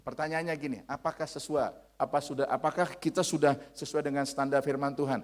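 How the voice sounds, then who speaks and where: A man in his thirties preaching a sermon in a church, forceful, dropping to hushed lines and rising to shouted ones. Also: fairly high pitch, flat delivery, fairly quick. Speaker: pastor. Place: church sanctuary.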